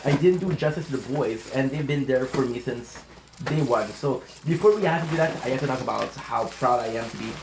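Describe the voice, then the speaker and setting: Over a noisy background, this male vlogger from Montreal, a native French speaker, talks briskly in a gravelly, medium-pitched voice. His casual channel chat wanders, full of stammered restarts and offhand swearing.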